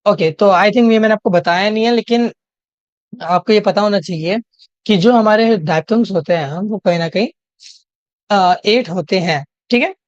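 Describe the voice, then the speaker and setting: This tutor, a young woman with an Indian English accent, has a medium-pitched, darkish voice with no echo. Her Hinglish exam-prep lecture on English proceeds step by step, with slow readings of questions and repeated "theek hai?" check-ins, captured in a dry, slightly dull home recording.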